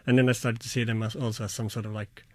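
A man from Finland, an artist answering slowly and reflectively, searching for words. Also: mid-range voice, little pitch movement, no room sound. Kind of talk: interview answers.

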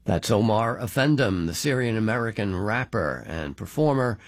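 A man's voice: fairly low pitch, animated, normal speed, no room sound, studio quality. A man hosting a radio show, interviewing a guest with curious questions. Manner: curious, inquiring.

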